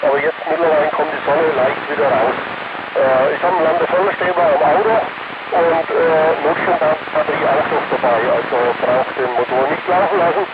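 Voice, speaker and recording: A man's voice: on the high side, steady tone, normal speed. A man, speaking over a two-way radio from his car and reporting to an amateur radio net in a plain, matter-of-fact way. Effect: heard over a two-way radio. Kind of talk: casual radio check-in report. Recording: narrow, noisy radio transmission.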